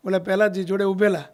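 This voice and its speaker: A man, a swami giving a sermon, telling a story and keeps asking his listeners whether they understood. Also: high voice. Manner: acts out the voices of people in his stories. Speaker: swami preacher. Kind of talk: sermon storytelling in a Gujarati satsang.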